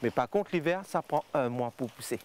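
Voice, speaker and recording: A man's voice: mid-range voice, lively intonation, darkish tone. Guy showing how tea gets made, lots of ums and restarts, out in the fields with a faint hiss behind. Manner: halting, with frequent fillers and restarts. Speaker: tea estate guide. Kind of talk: explanatory interview answers. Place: outdoors in tea fields and inside a factory.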